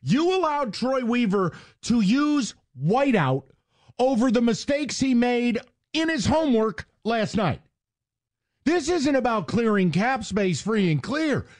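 A male sports talk host ranting sarcastically with mocking jabs and heated emphasis. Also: very high-pitched.

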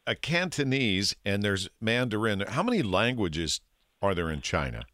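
A male radio host with a bright, lively voice in a dry studio. He banters casually, throwing out questions with joking enthusiasm and big swings in pitch. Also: moderate pace, no echo.

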